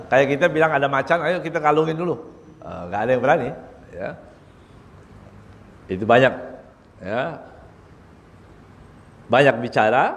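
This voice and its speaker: A man giving a religious lecture, humorous and animated, explaining Arabic terms and acting out small everyday scenes. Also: mid-range voice, gravelly. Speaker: preacher. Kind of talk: religious lecture on good character. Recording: long hall reverb.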